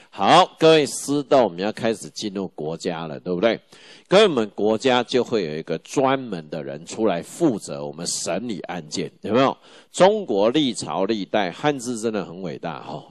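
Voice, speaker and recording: A middle-aged man lectures law students in a lively, joking way, his fairly low voice swinging widely in pitch. He keeps tossing rhetorical questions at the class. The sound is close and dry, with no room echo.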